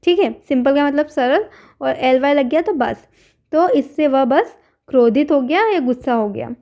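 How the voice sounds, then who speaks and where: High-voiced woman teaching English vocabulary. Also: lively intonation, moderate pace, highs cut off. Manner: explains patiently, repeats each word then its meaning. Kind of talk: Hindi-medium English grammar lesson.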